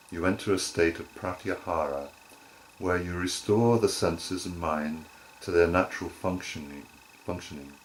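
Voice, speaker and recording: A yoga nidra teacher with a deep, low voice guides a relaxation, speaking in measured, deliberate phrases separated by brief pauses. The recording is low quality, with some faint background noise.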